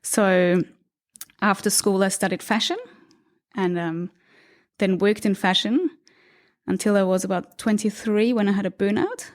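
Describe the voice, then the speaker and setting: A woman's voice: medium pitch, unhurried, long pauses. A woman from Austria, in her thirties, talking reflectively as a podcast guest recorded in an apartment, laughing lightly now and then. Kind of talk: relaxed conversational interview. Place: apartment indoors.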